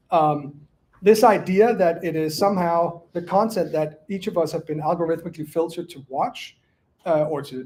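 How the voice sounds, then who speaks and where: A man from Denmark talks through audience questions about his book in a loose, halting academic way. His voice sits fairly high, and he keeps breaking off and restarting his sentences with fillers. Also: darkish tone, a little hiss or hum. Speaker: author answering audience questions. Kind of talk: casual academic Q&A talk.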